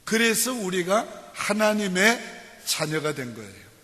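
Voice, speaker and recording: A male pastor preaching a sermon, asking the congregation questions and answering himself, dropping slow and low for scripture and prayer. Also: very animated, pushed and bright, long reverb tail. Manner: call-and-response preaching, repeated "예" and questions to the congregation. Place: church sanctuary.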